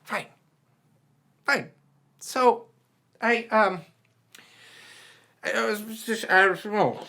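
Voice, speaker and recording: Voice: mid-range voice, very slow, gravelly, pauses often, bright, forceful tone, heavily acted. A performer voicing a boastful but nervous male Scottish rapper who stammers, in a comedy sketch. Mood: reluctant. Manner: stammering, flustered.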